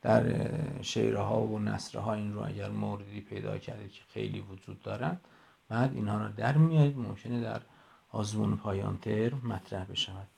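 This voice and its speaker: A man, middle-aged, teaching a class in a recorded voice message on a phone, explaining slowly and going through examples one by one. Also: on the low side, fairly even intonation, vocal fry, darkish tone, husky. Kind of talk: recorded lecture.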